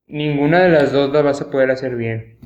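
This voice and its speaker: A man's voice: mid-range voice, normal speed, darkish tone, dull audio. A young man with a Mexican accent chatting casually and slangily with his friends. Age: young adult. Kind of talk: casual chat among friends. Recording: echoey room.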